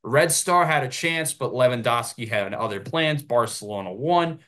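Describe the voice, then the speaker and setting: Animated American man talking football. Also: medium pitch, normal speed. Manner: animated, ranting. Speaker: sports show host. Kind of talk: solo sports commentary.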